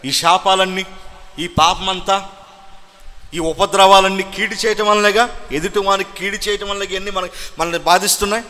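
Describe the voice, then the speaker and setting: A male pastor delivers a Sunday sermon in a fairly high, bright, forceful voice that rings through a reverberant church hall. He drives it with call-and-response questions and loud bursts of exhortation. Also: fairly even intonation, normal speed.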